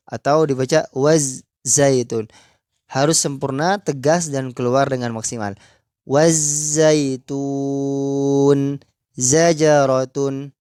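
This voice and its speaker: A man's voice: mid-range voice, darkish tone, no echo, clean studio sound. A man teaching Quran recitation in a pronunciation lesson, patiently demonstrating sounds with repeated drills.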